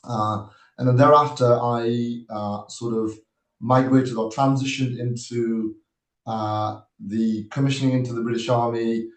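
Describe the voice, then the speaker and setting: A man's voice: mid-range voice, steady tone. Earnest man in his thirties, echoey room. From Nepal. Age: 30s. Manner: earnest, measured, with frequent hesitations. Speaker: guest speaker, army officer. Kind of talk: webinar presentation.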